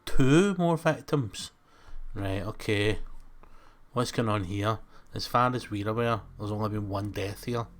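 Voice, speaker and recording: A man giving casual gameplay commentary in quiet, muttered asides. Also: lowish voice, level tone, normal speed.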